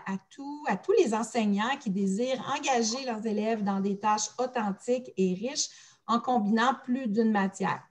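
Fifties woman host, formal read intro, a touch high. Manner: formal, reads with small slips. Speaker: webinar host. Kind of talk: scripted introduction. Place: living room.

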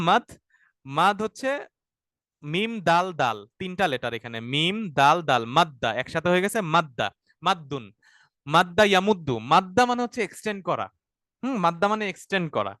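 A man's voice: high-pitched, a bit bright, no echo, studio quality. A man teaching an online Arabic grammar class. He explains patiently, repeats his points, checks in with his students often, and mixes English words into his talk.

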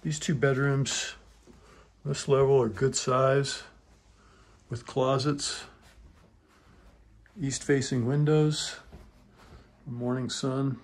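A man's voice: mid-range voice, little pitch movement, extremely slow, pauses often. A man walking through a home as a real estate agent, listing features in short, clipped phrases. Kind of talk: property walkthrough narration. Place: indoors, walking through a wooden townhome.

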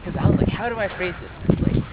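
A man's voice: high-pitched, quick pace. Teen guy on tinny old camcorder audio. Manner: rambling and giggly, many fillers. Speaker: student retreat leader. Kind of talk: casual home video chat. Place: outdoors on a hike. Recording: tinny lo-fi camcorder audio with loud outdoor noise.

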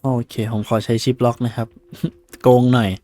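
A man giving casual, excitable gameplay commentary, swearing casually and exclaiming often. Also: medium pitch, normal speed. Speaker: gaming video creator. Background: faint game soundtrack.

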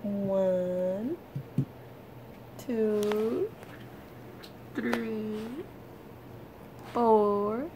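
A woman's voice: medium pitch, steady tone, drawn-out words, pauses often. A young woman chatting casually with her partner, teasing and giggling. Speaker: vlogger's partner. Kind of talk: casual chat. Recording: noisy handheld camera audio.

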